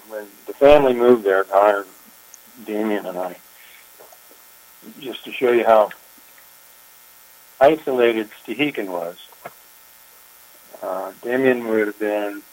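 A man's voice: lowish voice, a little mellow, poor audio. Older man recalling ranger days. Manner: unhurried, reflective storytelling with frequent pauses. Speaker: retired park chief ranger. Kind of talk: oral history interview.

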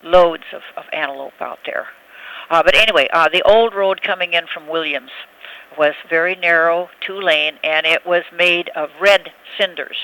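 An elderly woman reminiscing haltingly in a telephone interview, often searching for words. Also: lowish voice, bright, forceful tone, clear, resonant tone, no room sound, poor audio. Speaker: oral history interviewee.

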